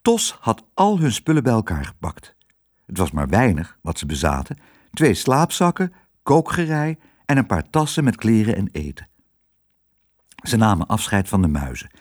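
A man reads a children's storybook aloud, his pitch swinging widely as he tells the story. His voice is husky and breathy, recorded close and dry with no room sound. The reading stays expressive from line to line. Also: moderate pace, no room sound. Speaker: narrator.

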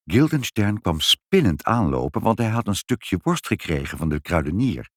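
A man reads a children's story aloud with an expressive delivery. His pitch rises and falls in a lively way. The recording is dry and close. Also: moderate pace, dry recording. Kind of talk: storybook reading.

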